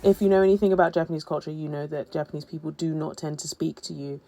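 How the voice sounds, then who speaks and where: A woman tells her travel story in a voice-over, chatty and funny, tossing in playful asides. Her voice sits a little low and has a gravelly edge. Soft music plays faintly underneath. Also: fairly even intonation, fast talker. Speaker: travel vlogger. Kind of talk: voice-over narration of a travel vlog.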